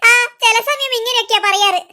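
Lady voicing a cheeky little cartoon kid, giggles while teasing, squeaky bright. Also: brisk. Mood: giggly teasing. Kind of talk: cartoon voice acting.

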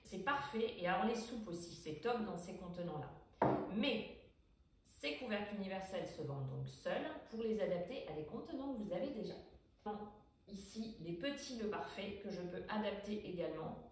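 A woman's voice: mid-range voice, lively intonation, moderate pace. Middle-aged woman, casual kitchen demo, chatty and hesitant, faint background hiss with clicks. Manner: chatty, hesitant with frequent fillers. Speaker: cooking vlogger demonstrating a product. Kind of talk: casual product demonstration. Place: home kitchen, indoors.

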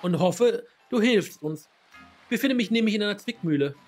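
A man's voice: sits high, animated, normal speed, a little mellow, faint music behind. A man voicing an earnest, worried female festival organizer in a plain reading voice.

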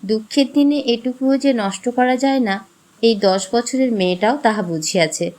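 A woman storyteller giving an expressive, measured scripted narration of a classic short story. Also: fairly high pitch.

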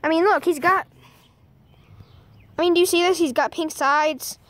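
Rambling high-voiced woman filming outdoors. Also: normal speed, fairly bright tone, dry recording. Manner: rambling, hesitant, full of "like" and "I mean". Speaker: nature vlogger. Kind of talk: casual outdoor vlog. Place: outdoors in a backyard. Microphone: handheld phone camera. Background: birds chirping faintly.

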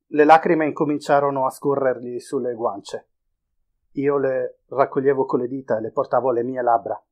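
An Italian man reading a novel aloud at a live event, urgent at times and hushed at others. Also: a little high. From Italy. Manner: intense, moving from raised urgency to hushed quiet. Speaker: reader. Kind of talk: dramatic literary reading.

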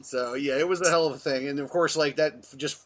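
Bright-voiced man telling a rambling story. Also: a little high, fairly quick. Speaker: podcast co-host. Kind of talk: casual podcast chat.

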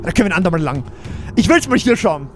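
A hoarse man with a very high, lively voice, giving let's play commentary straight to his viewers. He is excitable and quick to yelp and shout when something chases him. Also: faint music behind. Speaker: gaming video creator.

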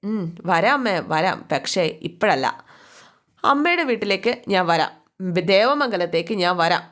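A man's voice: sits high, sing-song, normal speed, sharp tone, full character voice. A woman voicing a proud young man who stubbornly refuses his mother's pleas. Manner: stubborn, pleading.

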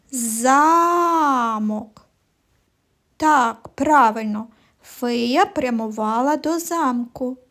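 A woman teaching a phonics lesson to young children, explaining sounds slowly and clearly in a sing-song way. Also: high voice. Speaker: primary school teacher.

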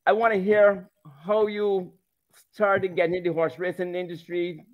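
A man's voice: sits high, level tone, measured pace. A man co-hosting a talk show interview over a video call, prompting his guest with short, friendly questions. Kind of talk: casual interview. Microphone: headset on a video call. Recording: somewhat dull video call audio.

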